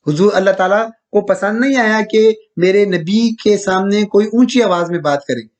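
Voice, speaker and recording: A man's voice: high-pitched, darkish tone. Man teaching grammar, repeating each point. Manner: repeats each point, slowly draws out quoted verses; checks understanding with questions to listeners. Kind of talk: recorded slide lecture.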